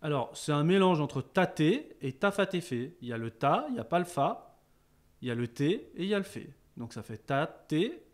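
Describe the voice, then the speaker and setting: Male music teacher, lively rising and falling voice, patient explainer, a touch high. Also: brisk. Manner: chants rhythm syllables loudly, then explains calmly. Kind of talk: rhythm lesson with counting and clapping.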